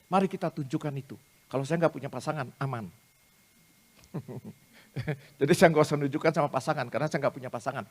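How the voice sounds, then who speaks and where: A man preaching to a congregation in a fairly high voice. He tells personal stories with lively energy and speaks straight to his listeners. He pokes gentle fun at himself along the way. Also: fast talker, pauses often. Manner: animated storyteller addressing the congregation directly; self-deprecating humor. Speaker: speaker at a prayer meeting. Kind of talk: sermon with personal storytelling.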